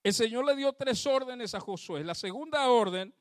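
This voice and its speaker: Fervent high-voiced male preacher. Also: animated, normal speed, dry recording, studio quality. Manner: fervent preaching, exclaims praise to God; addresses the congregation directly, asks them questions. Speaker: pastor. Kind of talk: sermon.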